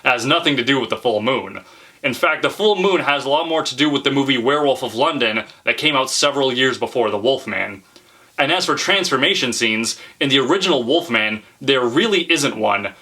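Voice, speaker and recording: A man's voice: medium pitch, animated, brisk, pushed and bright. A man hosting his own horror movie channel, talking casually and chattily to his viewers. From Canada. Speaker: horror video host. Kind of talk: casual talk to camera.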